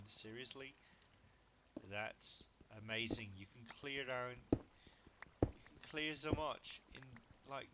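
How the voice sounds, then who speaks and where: Talking casually through his gameplay, this Danish-speaking video creator has a mid-range voice. Every result excites him, he does arithmetic out loud, and a steady hiss runs clearly through the recording.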